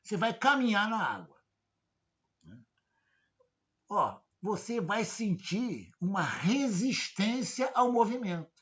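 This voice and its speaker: A man's voice: high-pitched, very animated, slow pace, pauses often, fairly bright tone. A male professor, giving an informal lecture, constantly checking in with rhetorical questions. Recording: dull lo-fi audio.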